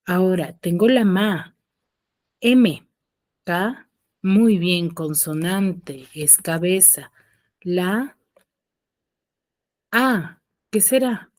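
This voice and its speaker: A woman teacher giving a class, slowly asking questions and answering them herself, her voice rising on questions and dropping low at the ends of phrases. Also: a little mellow, no echo. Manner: slow, patient, asks and answers her own questions. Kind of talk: recorded online class.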